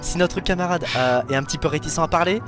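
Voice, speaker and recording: A man playing a tabletop role-playing game, improvising banter in an excitable, repetitive way. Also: fairly high pitch, fast. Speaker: player. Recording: clear music behind the voice.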